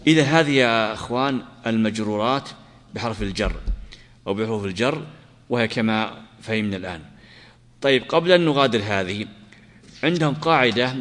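A man teaching a classical grammar lesson, asking his students questions, answering them himself, and slowly repeating his examples. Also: medium pitch, a bit bright, in a large hall. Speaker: Islamic scholar teaching grammar.

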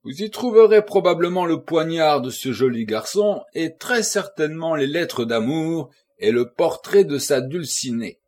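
A man's voice: on the high side, expressive, measured pace, few pauses, a little mellow, voice pushed up. A man voicing a burly, ironic police detective who teases his captive. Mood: mocking. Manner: mocking, teasing.

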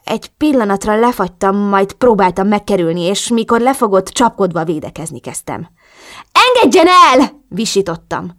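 A woman's voice: medium pitch, few pauses, no room sound, studio quality. A woman narrating a first-person romance novel as an audiobook, in a dramatic, breathless storytelling manner.

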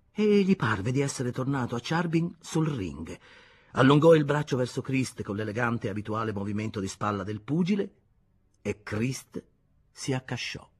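A man reading a literary audiobook aloud in an expressive, dramatic narration that moves between hushed and loud. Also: medium pitch, husky. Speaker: audiobook reader.

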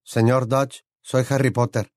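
A man's voice: medium pitch, level tone, measured pace, darkish tone, no echo, studio quality, natural voice. A man voicing a polite, earnest teenage boy wizard in an audiobook, asking direct questions. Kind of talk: audiobook character voice.

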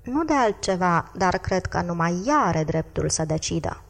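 A woman voicing a young man in love who speaks quietly, firmly and earnestly in an audiobook. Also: on the low side, lively intonation, gravelly, big-room sound.

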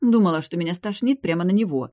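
A young heroine with a quick temper and a sharp tongue, voiced by an audiobook reader. Her lines come out raised and higher-pitched than the narration around them. The sound is close and dry. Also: no room sound, lightly acted. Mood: disgusted. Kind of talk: audiobook character voice.

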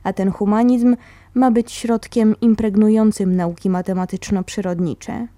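Calm woman reading a memoir. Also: mid-range voice, dry recording. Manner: calm, measured storytelling. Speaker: narrator.

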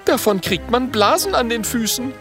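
A man voicing a small, eager young male dragon who talks in a quick, chirpy, cheeky way. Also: very high-pitched, very animated, fairly bright tone, soft background music, pitched above the performer's own voice, full character voice.

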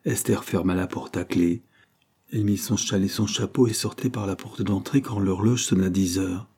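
A man narrating a classic novel as an audiobook in a steady, even reading style. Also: deep voice, moderate pace.

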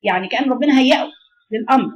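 A woman's voice: high voice, racing. A woman with an Egyptian accent giving a religious lesson, asking her listeners questions and answering them herself. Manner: animated, asks the class questions and answers them. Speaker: religious teacher. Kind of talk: Quran lesson in Egyptian colloquial. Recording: dull lo-fi recording.

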